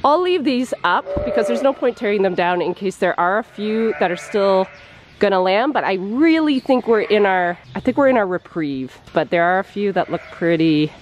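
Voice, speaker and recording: Woman farmer, 40s, casual vlog delivery, mid-pitched voice, tired and rambling, handheld camera in a noisy sheep barn. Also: animated, moderate pace. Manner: chatty, tired, thinking aloud with restarts. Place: large indoor sheep barn. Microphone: handheld camera at arm's length. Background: bleating sheep and barn noise.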